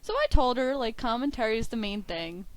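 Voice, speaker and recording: A woman's voice: fairly high pitch, brisk, no echo, rough recording. A woman in her twenties, a wrestling commentator, chatting as a guest and acting out quoted dialogue. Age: 20s. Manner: animated storytelling with quoted dialogue, frequent "like". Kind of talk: casual interview chat.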